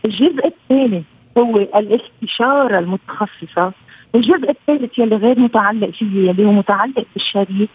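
A woman with a Lebanese accent, a psychoanalyst and family counselor, calmly explaining her points over a low-quality remote audio stream. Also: fast, husky, no echo. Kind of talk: explanatory interview answers. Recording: tinny phone-like remote line.

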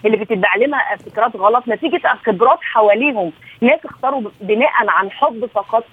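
A woman's voice: on the high side, fast talker, slightly rough, dry recording. A woman with an Egyptian accent, a psychological and family consultant guest, explaining advice in a practical way and often restarting her words. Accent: Egyptian Arabic. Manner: practical, with many self-restarts. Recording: tinny phone-like remote line.

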